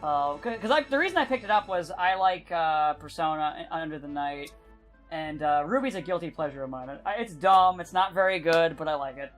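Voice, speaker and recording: A woman casually commenting on a fighting game as she plays, animated and swearing freely. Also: low-pitched, a little fast, soft background music. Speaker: let's play commentator. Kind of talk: casual gaming chat.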